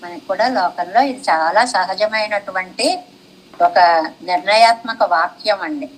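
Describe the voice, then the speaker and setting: A woman's voice: medium pitch, unhurried, a little hiss or hum, rough recording. A woman giving a devotional discourse on scripture commentary, reciting classical verses and then explaining them with rhetorical questions. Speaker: religious teacher.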